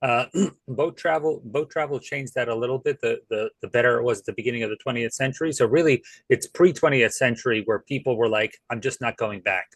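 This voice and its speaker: Male panel guest, medium voice, dry close recording, measured and thoughtful delivery. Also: medium pitch, dry recording, poor audio. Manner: thoughtful, many fillers. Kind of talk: casual panel discussion.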